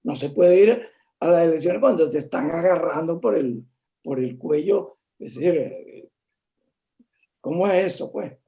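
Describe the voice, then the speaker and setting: A man in a political video-call discussion, speaking haltingly with many restarts and fillers. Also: fairly high pitch, animated, creaky, mellow. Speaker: discussion participant.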